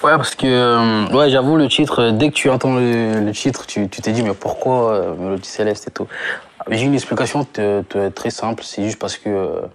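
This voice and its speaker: Young man from Congo, low relaxed voice. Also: moderate pace. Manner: relaxed slangy talk with many restarts and fillers. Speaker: singer guest. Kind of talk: casual interview.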